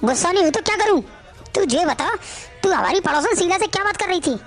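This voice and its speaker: Lady doing a nagging old saas, high voice, sharp and sarcastic. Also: animated, fast, soft background music. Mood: scolding. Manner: scolding, sarcastic. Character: nagging older mother-in-law, sharp-tongued and strict.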